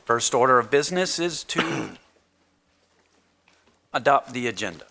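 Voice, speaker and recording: A man's voice: mid-range voice, animated, slow. A man chairing a council meeting as mayor in a formal, matter-of-fact procedural manner, indoors in a council chamber. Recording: clear background noise and clicks.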